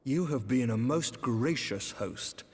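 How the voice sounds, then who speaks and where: A noble knight commander, speaks with courtly restraint in a fantasy game. His husky voice rings with long reverb. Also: mid-range voice, animated, darkish tone, exaggerated voice. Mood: courteous, wry. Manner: measured, courtly, formal. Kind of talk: formal fantasy game cutscene acting.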